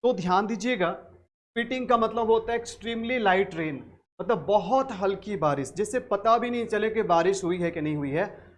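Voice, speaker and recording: High-pitched man, Indian English accent, Hindi-speaking vocabulary teacher who repeats words and quizzes himself. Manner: repeats each word slowly, asks and answers own questions.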